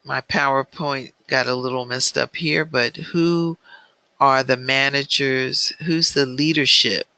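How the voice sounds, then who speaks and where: A man teaching an online business planning class, speaking in a measured way with frequent filler ums. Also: medium pitch, steady tone, bright, forceful tone, dry recording.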